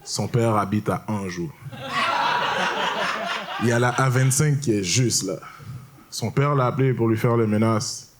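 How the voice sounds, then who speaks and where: A man's voice: lowish voice, measured pace, long pauses, slight background noise. A young man performing a stand-up routine, telling stories in a casual, slangy way and explaining things to the crowd. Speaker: stand-up comedian. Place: comedy stage.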